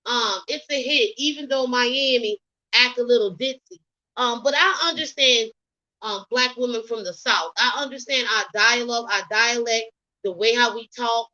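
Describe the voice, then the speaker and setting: In a casual vlog, a Southern US woman with a Geechee accent gives opinionated, meandering commentary on celebrity gossip, leaning on fillers like um and you know. She speaks at a moderate pace in a fairly high, bright, forceful voice. The audio comes through dull.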